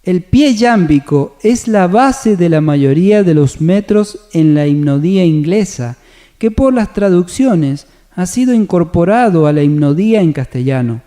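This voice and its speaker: A man presenting a church music seminar, calmly explaining hymn meter in a measured, scripted way. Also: sits high. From Argentina. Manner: calm, measured explanation with sung hymn examples. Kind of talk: scripted teaching on radio.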